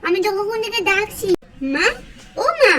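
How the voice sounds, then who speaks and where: Woman voicing a tiny girl for a doll cartoon, very high and childlike, whiny and pleading. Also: normal speed, sharp tone. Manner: whiny, repeatedly calling her mother. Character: little girl, hungry and pleading.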